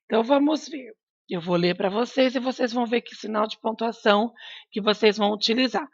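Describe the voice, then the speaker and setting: A woman's voice: a little high, a little fast, creaky, dry recording, dull audio. A woman teacher giving a recorded lesson to young pupils, patient and coaxing, asking them questions and repeating her prompts. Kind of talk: recorded remote class lesson.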